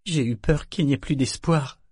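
A man's voice: fairly high pitch, normal speed, a little mellow, slightly rough, no room sound, clean studio sound, pitched above the performer's own voice. A man doing an anxious young suitor. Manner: tense, earnest.

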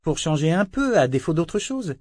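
With a coaxing mood, a man voices a wary young woman who forces herself to stay polite, pitching his voice above his natural range. His delivery is high, very animated, slightly mellow, and moderately paced. The audio is clean studio sound with no room sound.

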